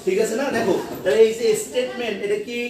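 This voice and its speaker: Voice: mid-range voice, fairly even intonation, fast, very noisy. An English teacher leading a classroom lesson, asking questions and repeating them for the class to answer back. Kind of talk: classroom lesson with call and response. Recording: echoey classroom from far off with pupils.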